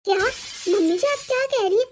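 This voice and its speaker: Brief: woman doing a whiny cartoon daughter, young and meddling, sharp high-pitched scolding. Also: expressive, moderate pace, slight background noise. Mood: scheming. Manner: sulky, scolding, dramatic. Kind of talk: animated cartoon voice acting.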